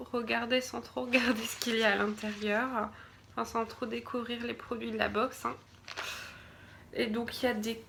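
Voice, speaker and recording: Woman from France, bright and slightly high voice, slow and hesitant unboxing chatter, faint hiss behind. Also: gravelly. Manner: hesitant, many fillers and restarts; drops to a murmur while checking products. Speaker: beauty box reviewer. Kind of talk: casual unboxing video.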